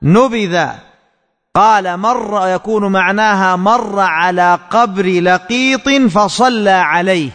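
Slow, high-voiced man teaching in echoey hall. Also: a bit bright. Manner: slow, repeats key words as questions to students. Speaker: religious teacher. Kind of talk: hadith lesson explanation.

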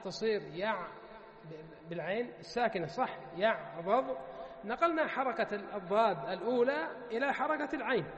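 High-voiced man quizzing grammar in an echoey room. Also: big pitch swings, fairly bright tone. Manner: patient, quizzing with repeated questions, spelling out word forms slowly. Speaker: Arabic grammar teacher. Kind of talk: one-on-one grammar lesson. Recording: muffled, echoey room with long reverb.

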